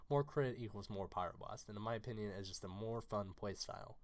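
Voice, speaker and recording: Hoarse raspy male narrator for a game guide, lowish voice, quick brisk read. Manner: brisk, informative delivery. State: hoarse from illness.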